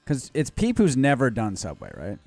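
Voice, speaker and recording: A man's voice: mid-range voice, normal speed, creaky, dry recording, faint music behind. A man co-hosting a live stream, reacting to videos in casual, blunt chat with frequent swearing. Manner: blunt, swears often, lively.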